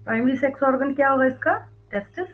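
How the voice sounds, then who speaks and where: A woman with a high-pitched voice talks fast while teaching an online biology class over tinny, phone-like audio. She explains step by step, asks her students questions and repeats their answers, and mixes English terms into her speech.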